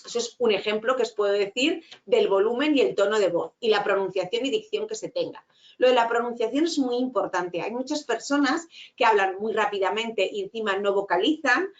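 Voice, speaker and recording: A middle-aged woman teacher giving an online lecture, talking fast and tagging her points with quick checks. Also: mid-range voice, dull audio. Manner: fast-talking with frequent "¿vale?" tags.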